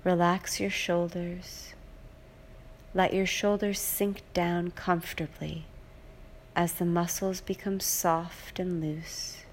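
A woman reading a guided hypnosis relaxation script in a slow, soothing, repetitive way, now and then dropping into soft whispers. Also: on the low side, little pitch movement, a little hiss or hum.

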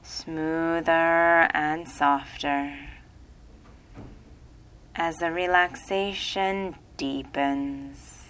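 Slow, low-voiced woman guiding hypnosis. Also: steady tone, a bit bright, smooth. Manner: slow soothing repetitive delivery. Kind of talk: guided relaxation hypnosis script.

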